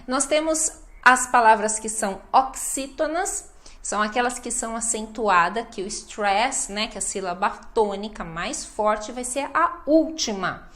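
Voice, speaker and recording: Brazilian woman teaching stress, higher-pitched. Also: animated, a little slow, a bit bright. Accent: Brazilian Portuguese. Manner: demonstrative, repeats words with exaggerated stress. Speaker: Portuguese teacher. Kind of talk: language lesson.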